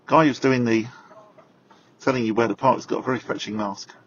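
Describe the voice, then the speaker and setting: A male radio presenter narrates his arrival casually, first in a car and then walking outdoors at a stadium, before discussing it in the studio. He's chatty and self-deprecating, using lots of fillers. His medium-pitched voice is fairly even and a little fast, and the audio has cut-off highs and a slight hiss or hum.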